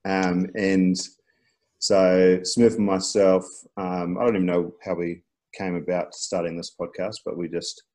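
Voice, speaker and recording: A man co-hosting a rugby podcast, relaxed and hesitant, with many ums. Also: low voice, unhurried. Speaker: podcast co-host. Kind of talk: casual podcast chat.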